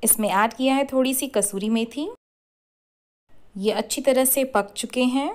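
A woman hosting a cooking channel, giving clear step-by-step recipe instructions in a scripted voice-over. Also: a little high, measured pace. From India.

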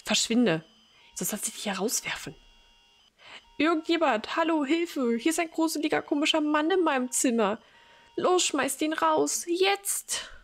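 A woman's voice: a little high, lively intonation, measured pace, voice pushed up. A woman voicing an elderly mother who is sweet, doting and forgetful, reading a game's dialogue aloud. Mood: frightened. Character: confused elderly mother, gentle then frightened.

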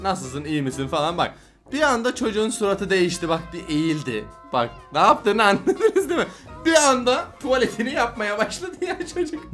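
Animated young Turkish man reacting, laughing. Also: high-pitched. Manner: playful, laughs often, teasing the kids on screen. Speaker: YouTuber reacting to funny kid videos. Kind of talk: casual reaction commentary.

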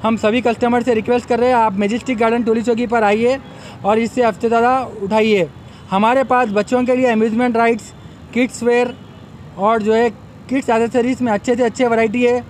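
A man's voice: extremely high pitch, little pitch movement, fairly quick, a little mellow, slight background noise. A young man, an event organizer giving a promotional press statement into a bank of microphones at an outdoor expo, repeatedly urging customers to come. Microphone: bank of press microphones on a table.

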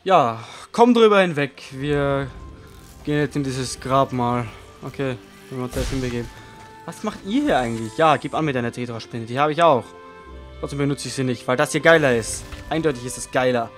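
A man's voice: medium pitch, a little fast, faint music behind. A man giving casual gameplay commentary as a let's player, flippant and sarcastic.

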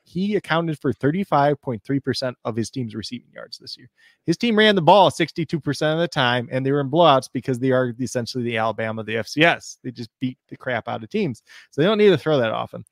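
A man rattles off stats at speed on a podcast panel. His voice sits mid-range and sounds dry and close, with no room around it. He talks casually and builds his case quickly. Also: medium pitch, dry recording. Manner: fast, stat-heavy, animated arguing. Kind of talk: casual fantasy football chat.

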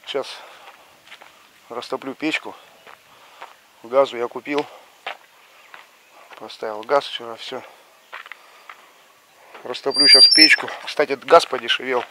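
A man's voice: fairly even intonation, takes it slowly, pauses often. A middle-aged man with a slushy lisp on his s and sh sounds, talking casually to a handheld camera outdoors in a village yard. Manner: slushy lisp on s and sh sounds after a pulled lower tooth. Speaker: village life vlogger. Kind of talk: casual rambling vlog chat. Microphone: action camera held at arm's length. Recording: outdoor camera audio with background noise.

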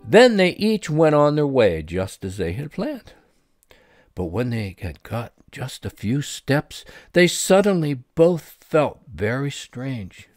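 A man reading a children's story aloud, expressive and gently explaining. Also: medium pitch, takes it slowly, no room sound, faint music behind.

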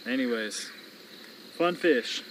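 Reeling in fish on a riverbank from day into night, this young fishing channel host talks slowly and casually to the camera in a medium-pitched voice, relaxed and thinking out loud. The audio, captured on an action camera worn on his body, is very noisy.

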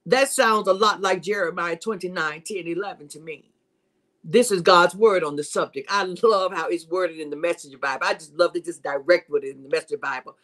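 A woman's voice: fairly low pitch, a little fast, fairly bright tone. A woman hosting a live-streamed devotional teaching, preaching in a repetitive, emphatic, conversational way and greeting viewers by name. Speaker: host and Bible teacher.

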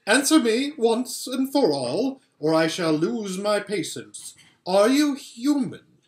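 A man's voice: sits high, big pitch swings, slow, voice pushed up, heavily acted. A man voicing a haughty, menacing evil queen in a storybook reading, with a commanding, pompous manner. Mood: scornful, impatient. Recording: roomy indoor home recording.

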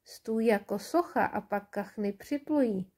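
A woman voicing a kind, patient grown-up caretaker who speaks gently and reassuringly, reading a children's storybook. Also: mid-range voice, husky. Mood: hushed.

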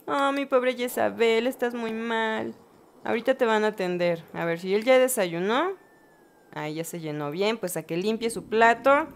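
A woman's voice: lowish voice, slight background noise. Chatty woman narrating gameplay. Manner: chatty, talks to her game characters, bursts of excited exclamations. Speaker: gaming channel host. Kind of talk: casual let's-play commentary.

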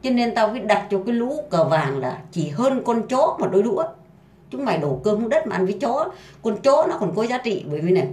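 A woman's voice: medium pitch, warm tone. A woman delivering an angry, profane rant full of insults and hammering repetition. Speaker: housemaid ranting online. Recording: roomy echo.

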